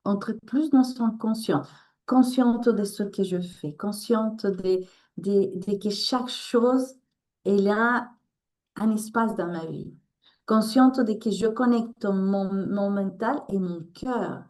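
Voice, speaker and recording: In an emotional interview, a guest who works as a resilience coach and therapist speaks earnestly with a Spanish accent, frequently starting over as she hunts for the right words. Her voice is medium in pitch, slow and darkish in tone.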